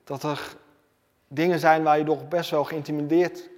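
A man preaches with emphatic, repeating phrases in a fairly high voice. His sermon rings out with a long reverb in a church hall. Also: level tone, moderate pace, darkish tone. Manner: emphatic, repetitive preaching cadence.

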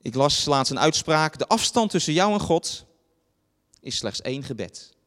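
A man preaching a sermon, retelling a Bible story and acting out the voices in it, with fillers and pauses. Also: fairly high pitch, very animated, a bit bright, in a large hall. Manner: dramatizes quoted voices, pausing with fillers.

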